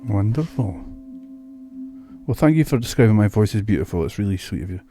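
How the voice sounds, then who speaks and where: A man's voice: lowish voice, big pitch swings, fairly quick, warm tone, slight background noise. A Scottish man streaming a video game, chatting casually and musing aloud about what he sees. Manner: chatty, muses aloud, restarts words. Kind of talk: casual gameplay commentary. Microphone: new studio mic.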